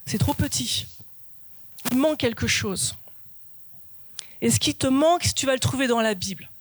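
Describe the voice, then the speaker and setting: Earnest woman pastor, high voice. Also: lively intonation, normal speed, dry recording. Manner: earnest, emphatic, repeats key phrases. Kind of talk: sermon. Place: church.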